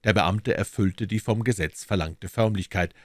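Deep-voiced male audiobook narrator. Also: moderate pace, no echo, studio quality. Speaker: audiobook reader.

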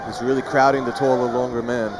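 A man's voice: mid-range voice, flat delivery, quick pace. Male colour commentator in noisy arena. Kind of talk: conversational live fight commentary. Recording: loud crowd noise behind commentary. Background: loud arena crowd.

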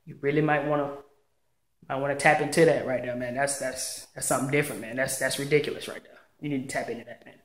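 A man's voice: mid-range voice, fairly even intonation, fast talker. Hyped man in an echoey garage. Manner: hyped, boastful, slangy. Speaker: fitness vlogger. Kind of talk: casual home-gym tour vlog. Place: bare home garage. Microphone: handheld phone camera.

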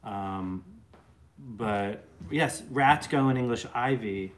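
A man's voice: medium pitch, slow pace. A man in his late thirties chatting casually on a home live stream, joking and reading viewer comments aloud. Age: late 30s. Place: bright living room at home. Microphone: phone camera close up.

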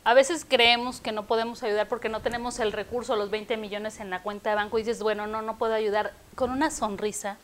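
A woman's voice: fairly high pitch, steady tone, brisk, hardly any pauses, slight background noise. Mexican woman hosting a talk show. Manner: warmly agreeing, short back-channel replies.

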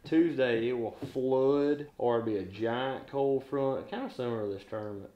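A man's voice: medium pitch, normal speed, muffled recording. A man, bragging in casual chat about his catches. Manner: boastful, animated storyteller. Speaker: angling guide and friend. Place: living room, indoors. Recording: roomy echo.

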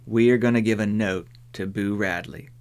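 A man voicing a calm, matter-of-fact older boy in an audiobook. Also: fairly low pitch, normal speed, lightly acted. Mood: placid. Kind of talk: audiobook character voice.

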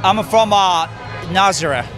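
At an outdoor rally on a park lawn, a young man of Palestinian family, born in the UAE, gives blunt, emphatic opinions in a street interview. His voice sits high and unhurried, with music and crowd noise in the background.

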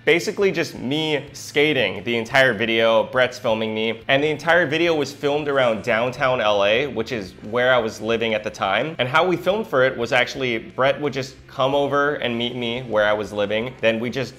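A man in his thirties from Hawaii, chatting upbeat to camera about skateboarding, sitting at a table in a bright dining room. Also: mid-range voice, normal speed, few pauses. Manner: upbeat, chatty, lively hand gestures. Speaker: skateboarder and vlogger. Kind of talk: casual chat to camera.

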